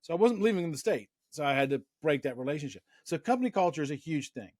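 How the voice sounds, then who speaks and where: A man's voice: fairly high pitch, sing-song, quick pace, dry recording, studio quality. A middle-aged man hosting a casual interview, rambling through anecdotes and often restarting his sentences. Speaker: interview host.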